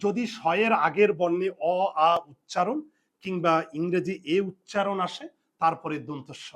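A male language teacher giving a spelling lesson, repeating each rule and answering his own questions as he drills it. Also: high-pitched.

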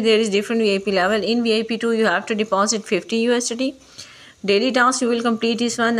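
A woman hosting her channel, walking viewers through a website step by step in non-native English, calling them friend again and again. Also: fairly high pitch. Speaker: YouTube channel host. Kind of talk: screen-recorded tutorial walkthrough. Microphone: voice-over on phone screen recording.

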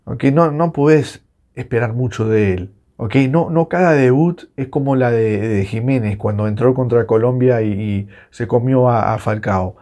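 A Uruguayan man with a Rioplatense accent, reacting live to a football match with excitable, swearing rants. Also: mid-range voice, normal speed. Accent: Rioplatense Spanish. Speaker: football fan reacting on his channel.

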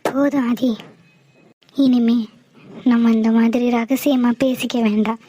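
A woman's voice: on the high side, fairly even intonation, takes it slowly, warm tone, dry recording. A woman voicing a heartbroken young wife in a cartoon, speaking in a tearful, pleading way. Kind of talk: cartoon voice acting.

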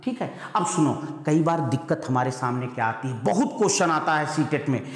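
A male teacher giving an online grammar lesson. He fires repeated questions at his students, calls them "beta", and slows right down to spell out each example sentence. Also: fairly high pitch, lively intonation. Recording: very echoey room with long reverb.

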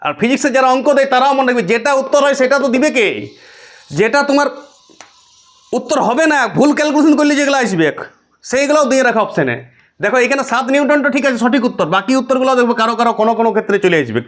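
A man's voice: extremely high pitch, animated, rapid-fire, fairly bright tone. A male teacher lecturing on physics problems, asking his students questions and answering them himself. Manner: explains with rhetorical questions to students. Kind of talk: classroom lecture.

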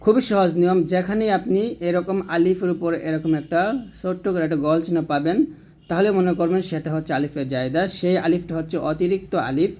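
A man teaching Quran reading in a recorded lesson, explaining slowly and deliberately and drawing out example words. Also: sits high, darkish tone. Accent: Bangladeshi Bengali.

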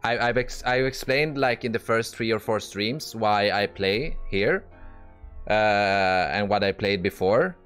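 A man's voice: fairly low pitch, unhurried, a bit bright, clean tone, faint music behind. A man commentating live as he plays online poker, blunt and exasperated, swearing and restarting his sentences often. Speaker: poker streamer.

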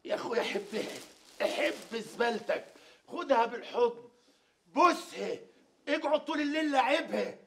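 A man's voice: very high-pitched, lively intonation, moderate pace, vocal fry, fairly bright tone, a little hiss or hum. A man with an Egyptian Arabic accent playing a teasing, scolding doorman in a sitcom. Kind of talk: sitcom acting.

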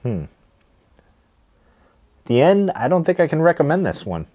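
A man's voice: fairly high pitch, sing-song, measured pace, dark tone. A man in his thirties chatting casually to the camera as he reviews tobacco, laid-back and hesitant, trailing off between puffs on a cigar. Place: small wood-paneled room, indoors.

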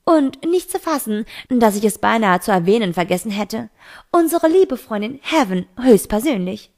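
A probing teenage boy, as a woman reader puts him on in a homemade audiobook. He presses his questions in a pointed, insistent way, the voice sitting a little high. Nothing much changes it from the reader's own voice. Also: expressive, moderate pace, a little mellow. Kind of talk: amateur audiobook reading.

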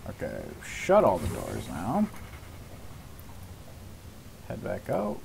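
A man's voice: low-pitched, wildly swooping pitch, takes it slowly, vocal fry, background noise. A young man giving casual, sweary live commentary as he streams a game, often muttering to himself. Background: video game music.

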